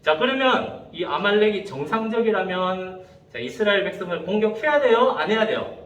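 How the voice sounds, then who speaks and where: A man preaches to young listeners in a high, lively voice. He tells stories and acts out the voices of the people in them. He sounds a little distant, and his voice rings through a reverberant church hall. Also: normal speed, highs cut off. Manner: animated storytelling, acting out quoted voices. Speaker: pastor. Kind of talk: sermon to youth. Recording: echoey room, voice from a distance.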